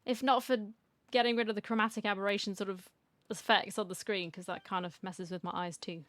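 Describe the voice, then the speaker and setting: A woman's voice: medium pitch, fairly even intonation, fast talker, a bit bright, no room sound. A woman streamer giving playful, chatty commentary while playing a story game, reacting aloud and reading lines along. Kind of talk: casual gaming commentary.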